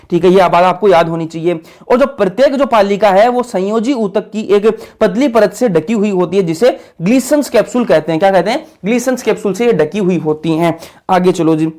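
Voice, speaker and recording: A man's voice: high-pitched, darkish tone. A man teaching biology for an exam. He asks a question, then repeats the answer, and drills the class with call-and-response questions. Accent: Hindi-speaking north Indian. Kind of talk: exam-prep lecture over a diagram.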